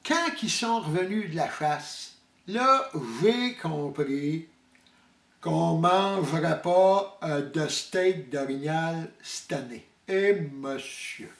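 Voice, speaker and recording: Speaking slowly in a slightly high voice, a man with a Quebec French accent spins a funny hunting tale. He's folksy and unsure of himself, garbling his sayings, and the distant mic picks up a lot of room echo.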